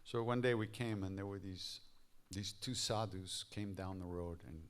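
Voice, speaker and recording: A man leading a live devotional workshop, telling stories in a relaxed, anecdotal way and chuckling at his own tales. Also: low-pitched, normal speed, a little hiss or hum. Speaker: devotional chant leader and teacher.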